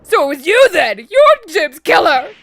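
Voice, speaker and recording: Hot-headed young jock prosecutor for a video game, played by a woman: whiny, high and emphatic. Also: very animated, a little slow, a bit bright, heavily acted. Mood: accusing. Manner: brash, accusatory, emphatic.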